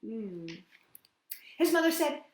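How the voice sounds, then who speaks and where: A children's storytime host, a woman with a high voice, reads picture books aloud and sings with kids. She's slow, playful and very animated, drawing out words and adding chatty asides. There's a bit of roomy echo.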